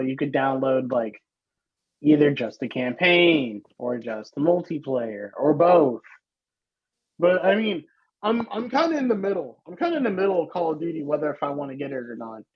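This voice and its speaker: A man chatting about games on a podcast, talking in a halting way that restarts and repeats words. His voice sits fairly high for a man. The recording sounds dull and lo-fi. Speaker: podcast co-host. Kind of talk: casual gaming chat.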